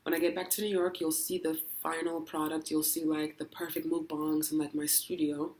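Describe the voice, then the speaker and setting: Woman mukbang vlogger, flat even delivery, talks over a meal, camera mic indoors. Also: low-pitched, moderate pace. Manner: chatty, filler-heavy with frequent ums and likes. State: full, hiccuping and burping. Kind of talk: casual chat while eating. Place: indoors, home in Dubai. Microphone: camera mic, no tripod.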